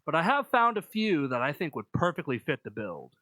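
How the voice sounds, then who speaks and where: A man narrates a scripted video essay in a measured, explanatory way. His pitch moves around a lot for emphasis. The sound is dry, with no room to it. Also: sing-song, pushed and bright, no room sound.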